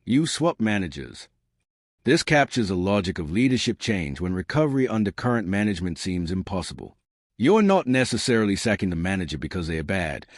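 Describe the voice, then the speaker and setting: A man's voice: fairly low pitch, no echo, studio quality. A man narrating scripted political commentary in an emphatic, dramatic and scornful way.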